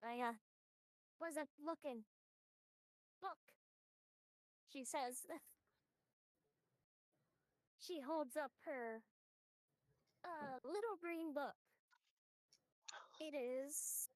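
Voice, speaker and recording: A man using a voice changer while slowly narrating his character's entrance in a tabletop game. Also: extremely high pitch, dry recording, pitched above the performer's own voice, exaggerated voice. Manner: slow, hesitant narration.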